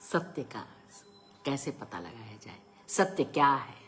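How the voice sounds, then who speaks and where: A middle-aged woman reading a short story aloud, expressive and raising her voice for the quoted lines. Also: a bass voice, slow, soft background music.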